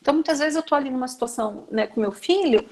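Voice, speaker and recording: A woman's voice: high-pitched, fast talker, darkish tone. Chatty Brazilian woman teaching a class. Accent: Brazilian Portuguese. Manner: chatty, addresses the audience directly with frequent fillers. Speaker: teacher giving an online class to educators. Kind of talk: conversational lecture.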